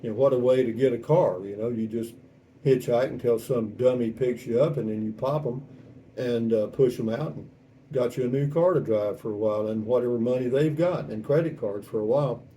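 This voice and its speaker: Reading and replying to viewers' comments, this seventy-something vlogger from South Texas talks in a relaxed, folksy, wry manner, wandering off on tangents in his Texan accent. He's medium-pitched, mellow, and a bit fast, captured from a distance with faint noise behind him.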